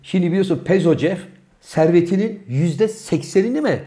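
A man's voice: high voice, animated, normal speed, crowd noise. A man co-hosting a comedic talk show, moralizing in a mock-indignant, theatrical way. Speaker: co-host. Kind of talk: comedic casual banter.

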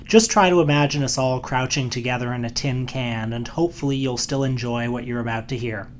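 A man narrates a podcast from a script as its host. His delivery is dry and gently self-deprecating, at a middling pitch, with slight noise behind the voice. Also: fairly quick.

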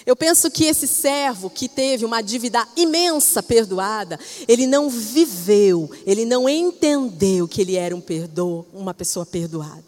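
A woman pastor with a Brazilian Portuguese accent preaching a sermon expressively, moving between loud emphasis and soft, hushed passages. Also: on the high side, lively intonation, normal speed, few pauses. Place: church. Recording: reverberant church hall.

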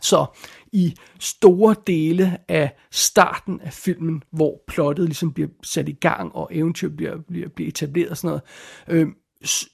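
A man giving an unscripted film review, talking in a halting way with frequent restarts and repeated words. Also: fairly high pitch, vocal fry, breathy edge.

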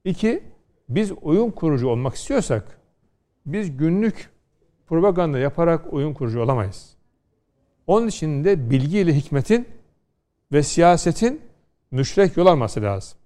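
A man's voice: a little high, sing-song, normal speed, pauses often, mellow. A middle-aged man from Konya, a law scholar on a studio panel, lecturing and telling stories with rhetorical questions. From Turkey, Konya.

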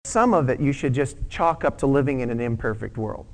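A man's voice: medium pitch, animated, a little fast. A man preaching a sermon in an earnest, conversational way, asking the audience to respond. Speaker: pastor.

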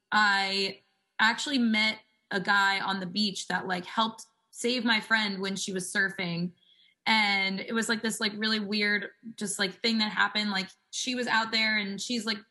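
A woman's voice: mid-range voice, pushed and bright. A woman in her twenties, a singer telling stories in a casual interview, chatty and full of "like" fillers. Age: 20s. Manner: chatty, fills speech with "like". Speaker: singer guest.

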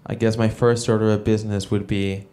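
A man from El Salvador doing a stand-up comedy set, with a halting delivery full of fillers and restarts. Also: lowish voice, level tone, warm tone. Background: audience laughter.

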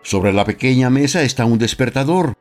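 A Mexican man narrating a storybook on the radio in a measured, expressive way, slowing down for emphasis. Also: mid-range voice, faint music behind.

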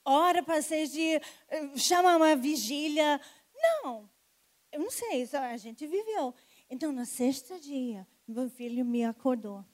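High-voiced woman preaching slowly. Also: expressive, darkish tone. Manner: storytelling, calling people forward with rising energy. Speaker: preacher giving a testimony. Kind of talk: sermon testimony and altar call.

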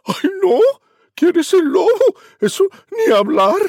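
A man doing a shrill, frightened little pig. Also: very animated, a little slow, no room sound, studio quality, exaggerated voice. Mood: scared.

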